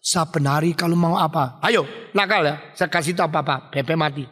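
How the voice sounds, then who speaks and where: Man voicing a bossy older brother, shouting, high and harsh, echoey hall. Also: fairly quick. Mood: angry, threatening. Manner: shouting, threatening.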